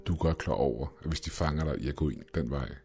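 A man reading a story aloud, voicing a brisk, matter-of-fact young woman without changing much from his deep voice. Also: warm tone, faint music behind.

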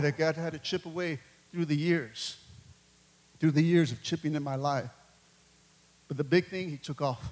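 A middle-aged male pastor preaching a lively sermon, joking, laughing and calling out to the congregation. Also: high-pitched.

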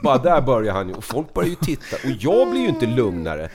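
A man's voice: mid-range voice, huge pitch swings, a loud crowd. A man telling a funny travel story in casual chat, acting out the quotes with big swings in his voice. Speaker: podcast host.

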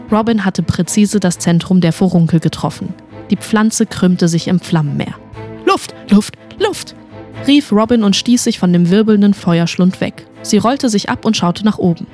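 A woman narrating a fantasy story in an expressive audiobook reading. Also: medium pitch, moderate pace, soft background music.

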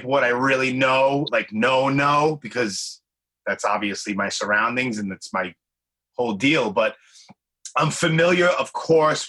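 A man's voice: medium pitch, pushed and bright. A man, hosting a podcast in a casual, rambling way with lots of fillers. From Brooklyn, New York. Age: 40s. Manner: rambling, filler-heavy, enthusiastic. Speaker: podcast host. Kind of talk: casual interview chat.

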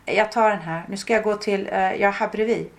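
A woman's voice: medium pitch, steady tone, creaky, close to an everyday voice. A woman voicing a chatty, self-deprecating female shop customer.

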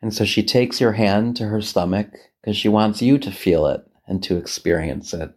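Speaking as a priest, a man leads a guided meditation on scripture, gentle and unhurried with long pauses. His voice is on the low side.

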